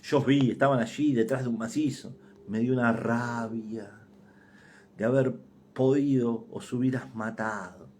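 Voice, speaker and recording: A man's voice: medium pitch, fairly even intonation, measured pace, a little hiss or hum, close to an everyday voice. A man with an Argentine accent voicing a dying woman who confesses to her sister in a faltering, urgent voice. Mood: hushed confession. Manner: faltering, hushed, urgent pleading.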